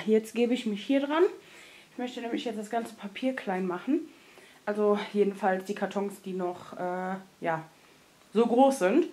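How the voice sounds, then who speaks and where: A young woman with a mellow, medium-pitched voice vlogs while tidying a small storage room at home, chattily narrating each step and laughing often in a casual clean-with-me style. A wide-angle camera on a stand records her.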